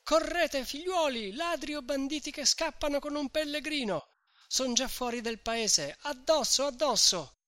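A reader voicing a village man who shouts to the crowd to chase fleeing bandits. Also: sits high, lively intonation, a little slow, no room sound, studio quality, voice pushed up. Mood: urgent.

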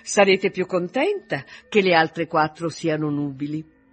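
A man reading aloud, voicing a witty, level-headed young woman with a gently teasing manner. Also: on the high side, a little slow.

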